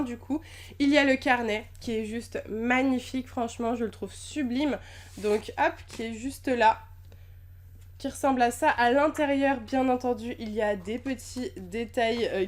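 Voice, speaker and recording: A young woman chatting casually in an unboxing vlog, gushing and bubbly, with lots of fillers. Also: on the high side. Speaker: YouTuber unboxing packages.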